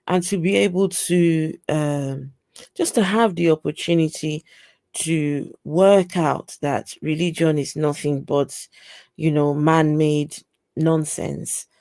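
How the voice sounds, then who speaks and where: A woman from Africa hosting a casual interview chat, talking in a slow, reflective way with many fillers. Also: sits low, steady tone, creaky, a little mellow, no echo, clean studio sound. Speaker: host.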